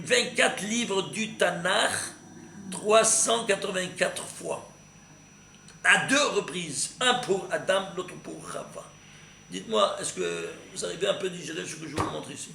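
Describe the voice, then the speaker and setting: A high, bright man's voice with a gravelly edge, teaching a Torah class and firing questions at his listeners. The room rings with echo and a faint hiss sits underneath. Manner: animated, quizzing listeners with questions. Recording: echoey room with faint noise.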